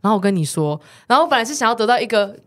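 A woman co-hosting a podcast in casual chat, animated and acting out quoted dialogue. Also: on the high side, racing. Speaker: podcast co-host.

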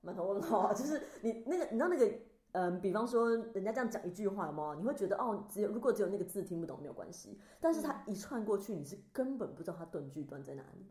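Fast-talking woman telling animated stories. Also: medium pitch. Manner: animated storyteller, acts out scenes. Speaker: podcast co-host. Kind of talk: casual chat. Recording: roomy echo.

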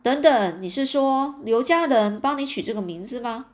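A woman's voice: fairly high pitch, animated, normal speed, natural voice. A woman voicing a sly, hostile sorcerer who makes demands in a storybook reading. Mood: scheming.

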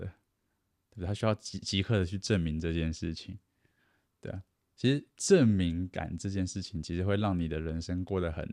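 A man's voice: low voice, darkish tone, dry recording, clean studio sound. A man giving casual advice, chatty, acting out boastful people and laughing at himself. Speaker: self-help speaker.

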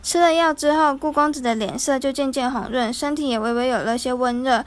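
A woman narrates a storybook folk tale in a high, clear voice. Her reading is gentle and steady. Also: brisk.

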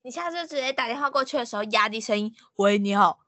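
A woman's voice: sits high, animated, rapid-fire, pushed and bright, no room sound. A woman, co-hosting a casual podcast chat with playful, teasing replies. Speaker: podcast co-host.

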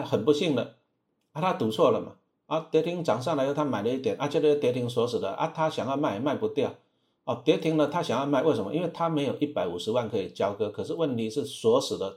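A man's voice: mid-range voice, a little mellow. A man with a Taiwanese Mandarin accent, a stock trading teacher talking casually about investing, peppering his speech with filler sounds and rhetorical questions.

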